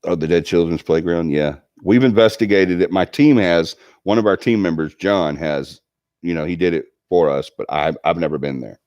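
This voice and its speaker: This paranormal show host, a man in his 40s, has a deep, darkish voice at a moderate pace. He rambles casually through the live chat with plenty of ums and false starts, and the audio is dull with no echo.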